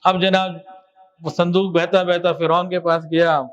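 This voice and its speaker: A man preaching a sermon with passion, moving between soft explanation and loud emphasis. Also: sits high, level tone, dull audio. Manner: impassioned, swings from soft to loud with chanted Quran recitation.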